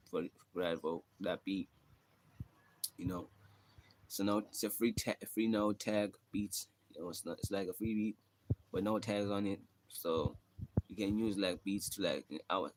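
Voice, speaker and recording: A young South African man with a very low, deep voice talks casually on a livestream, drifting between thoughts and filling gaps with easy asides. His South African accent colors every line, and a faint hiss sits under the recording. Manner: rambling, laid-back, frequent "you know" fillers. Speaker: livestreaming rapper. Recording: faint background noise.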